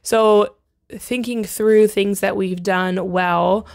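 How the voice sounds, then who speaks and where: A woman co-hosting a podcast in casual chat, her voice hoarse and wheezy as it recovers from laryngitis. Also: medium pitch, fairly even intonation, slow, a little mellow. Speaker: podcast co-host.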